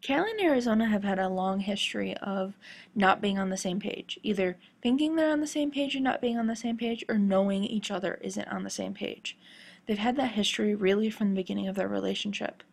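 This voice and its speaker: Slightly gravelly sore-throat woman podcaster. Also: medium pitch, a little fast. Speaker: podcast host. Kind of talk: scripted-sounding TV fan commentary podcast.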